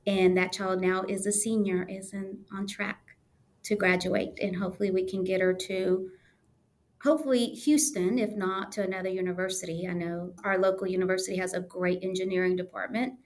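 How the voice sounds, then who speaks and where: A woman's voice: medium pitch, steady tone, brisk. Woman, podcast guest, earnest and emotional storyteller, mid-range voice. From United States. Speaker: podcast guest, testing coordinator. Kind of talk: conversational storytelling interview.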